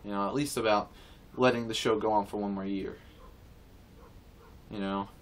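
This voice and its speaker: A man's voice: on the low side, fairly even intonation, moderate pace, a little hiss or hum. Rambling, indignant man ranting. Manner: rambling, repetitive, with many restarts and fillers; indignant and earnest. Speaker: vlogger. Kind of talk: casual opinion rant to camera.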